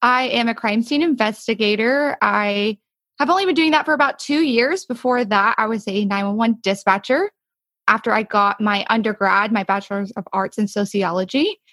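A woman in her late twenties from the United States talks casually as a podcast guest. Her voice is somewhat high, and the recording is close and dry. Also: normal speed, a bit bright, dry recording. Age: late 20s. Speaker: interview guest. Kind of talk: casual interview answers.

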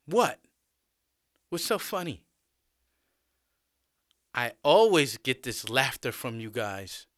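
A man voicing a patient, principled male teacher in a spoken story, earnest and clear. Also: medium pitch, very animated, takes it slowly, pauses often, no echo, studio quality.

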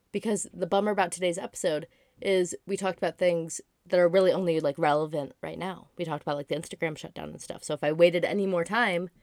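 A woman in her twenties hosting a podcast in a casual solo chat, hoarse from being sick, rambling and chatty with lots of "like" fillers. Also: on the low side, no room sound, clean studio sound. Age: 20s. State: hoarse from illness. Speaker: podcast host.

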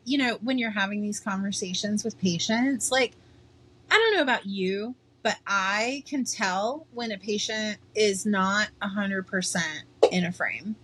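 A woman's voice: medium pitch, a little slow, fairly bright tone, slightly rough. A woman co-hosting a casual podcast chat about eyewear, chatty and emphatic, laughing easily. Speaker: podcast co-host, eyewear professional.

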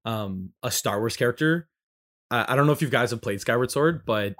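A man's voice: mid-range voice, brisk. A man co-hosting a casual podcast, chatting about video games and acting out characters' lines. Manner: animated, acts out game characters' lines with laughs. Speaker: podcast co-host.

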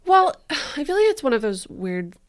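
A young woman co-hosts a casual true crime podcast, her voice sitting high, very animated, at a moderate pace. She's bubbly and jokes around, peppering her speech with "like."

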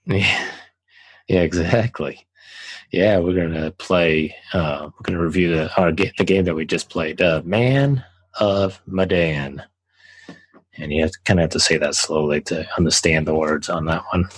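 The young co-host here has an extremely low-pitched, husky voice and speaks at a moderate pace. In a rough recording without echo, he casually reviews a game he played on a podcast, rambling with fillers and restarts.

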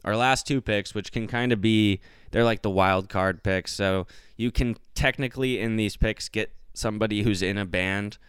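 A young man hosting a podcast, chatting casually and enthusiastically with quick asides and the odd swear. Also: on the low side, a bit bright, clean tone, dry recording, clean studio sound. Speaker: podcast host. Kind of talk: casual chat.

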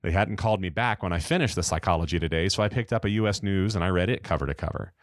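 An American man hosting a casual podcast, reading a horror story aloud with a lively, animated delivery. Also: deep voice, very fast, no echo, clean studio sound.

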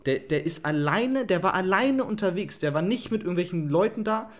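A man's voice: high voice, expressive, a little fast. A man co-hosting a casual podcast chat, chiming in to back up a friend's story and add details. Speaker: podcast co-host.

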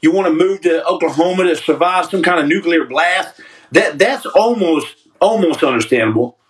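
A man with a high voice hosts a loose, casual livestream, reading out the viewers' comments. He ribs the audience and calls people son. His voice sits a little back from the mic. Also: normal speed, recorded from a distance, rough recording. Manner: joking, trash-talking, calls people son. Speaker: podcast host reading live chat.

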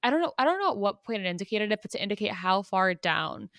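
A woman's voice: medium pitch, sing-song, fast, fairly bright tone, dry recording, clean studio sound. A young woman co-hosting a podcast, talking casually and hesitantly as she thinks aloud. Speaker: podcast co-host. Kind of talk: casual chat.

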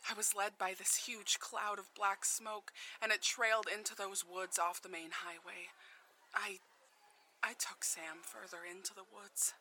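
Bright, anguished, haunted mother played by a woman. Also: medium pitch, a little hiss or hum, low-quality recording. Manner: halting, emotionally fraught. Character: anguished, guilt-ridden mother haunted by voices. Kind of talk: audio drama acting.

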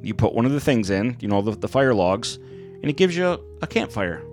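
A man's voice: fairly low pitch, big pitch swings, brisk, a little mellow, faint music behind. A man chatting casually and irreverently as a podcast co-host. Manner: irreverent, sweary. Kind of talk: casual banter.

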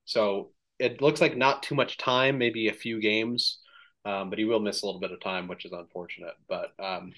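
The host of a laid-back sports podcast has a fairly low voice and talks at normal speed. He recaps games and their stats with lots of filler words and ums, sounding slightly hoarse as he loses his voice a little.

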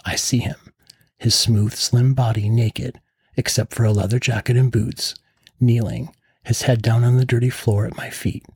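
A man reading a first-person story in a calm, low-key narration as a podcast host. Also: husky, no room sound, studio quality.

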